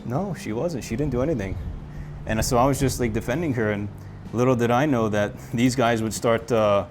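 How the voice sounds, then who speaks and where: A man's voice: mid-range voice, a little fast, music in the background. A man hosting a casual chat, easygoing and asking questions. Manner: easygoing, laughs along, asks questions. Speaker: host.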